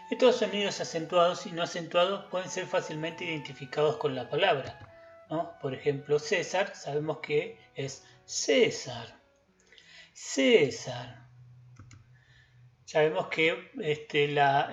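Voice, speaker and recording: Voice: medium pitch, muffled recording. A music teacher giving a recorded lesson, patiently chanting example words syllable by syllable.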